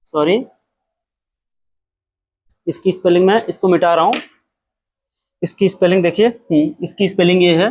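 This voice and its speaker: A man teaching in an energetic, emphatic way. He poses questions and answers them at once, then says each example word slowly and deliberately, often twice over. The delivery is lively and instructive. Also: high-pitched. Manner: repeats example words slowly and drawn out, asks and answers his own questions; emphatic, animated explaining. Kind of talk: spoken pronunciation lesson.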